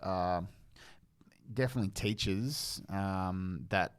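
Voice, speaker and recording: Aussie male co-host, lowish clear voice, loose easygoing reminiscing. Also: takes it slowly. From Tasmania, Australia. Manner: warm-hearted, rambling with fillers and restarts. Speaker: podcast co-host. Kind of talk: casual nostalgic chat. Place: public library.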